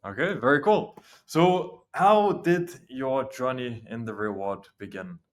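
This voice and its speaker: A man's voice: mid-range voice, a little slow. A man interviewing a guest with brief, plain prompts and questions.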